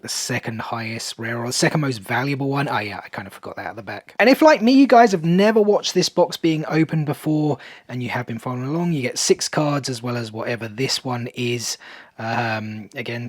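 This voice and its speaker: A man hosts a casual unboxing, talking straight to his viewers. He often second-guesses himself, restarts and trails off. His voice sits at an ordinary middle pitch and is recorded dry and close. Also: no echo. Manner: speaks to viewers as "guys". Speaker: card-opening video host.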